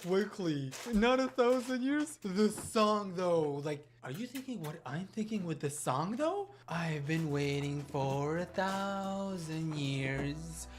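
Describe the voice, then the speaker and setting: A woman's voice: fairly low pitch, animated, takes it slowly, hardly any pauses, a little hiss or hum. A woman host giving casual, playful, gossipy reaction commentary in slangy speech. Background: background music.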